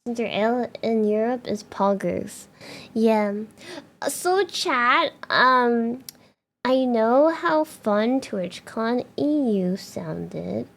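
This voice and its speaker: A young female streamer talks casually with her viewers in a rambling way, full of fillers and restarts, punctuated by bubbly excitement. Her voice is on the high side and creaky, and she draws out her words.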